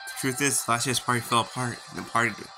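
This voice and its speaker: A man's voice: medium pitch, fast talker, poor audio. Man, playful game-dialogue reader, ad-libs jokes, game music running underneath. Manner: playful, reads lines in character and jokes about them. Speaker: gaming YouTuber. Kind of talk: reading game dialogue aloud with commentary.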